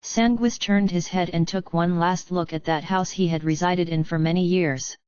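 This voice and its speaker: A woman reads a novel aloud with a smooth, lowish voice in an even, measured way. The sound is dry and a little muffled, with no room around it. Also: no room sound. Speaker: audiobook narrator. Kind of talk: scripted narration. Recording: dry, slightly dull lo-fi sound.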